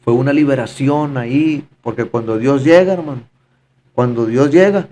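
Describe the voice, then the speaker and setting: A man's voice: mid-range voice, moderate pace, dark tone, a little hiss or hum. A man giving a fervent, repetitive personal testimony in conversation, often calling his listener brother. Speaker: podcast guest giving testimony.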